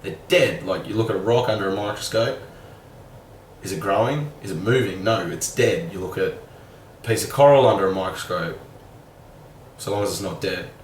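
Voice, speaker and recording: A man's voice: sits low, normal speed, pauses often. A young man, musing casually and candidly in a rambling vlog monologue full of "like". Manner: rambling, candid, fillers like "like", mild swearing. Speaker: vlogger. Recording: roomy sound, a bit far from the mic, faint background hum.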